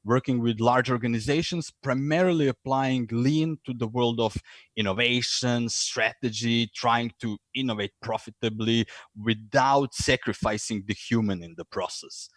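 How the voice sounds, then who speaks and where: Croatian guy on a podcast, mid pitch, lots of uhs and restarts, dry sound. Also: moderate pace, no room sound. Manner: hesitant, many fillers and restarts, acts out voices in stories. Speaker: podcast guest, lean and innovation consultant. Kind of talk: conversational interview.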